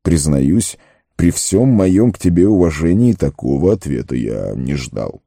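A man voicing an old wise wizard in an audiobook, speaking gravely and slowly with a stern, commanding manner. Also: deep voice, big pitch swings, dark tone, dry recording, clean studio sound, exaggerated voice. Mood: earnest warning. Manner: grave, slow and warning. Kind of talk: audiobook character reading.

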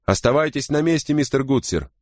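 A man doing a gruff barking boatswain. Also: medium pitch, expressive, brisk, dry recording, studio quality, voice pushed up, lightly acted. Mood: shouting. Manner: raised, harsh, barking. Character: gruff angry male boatswain barking orders.

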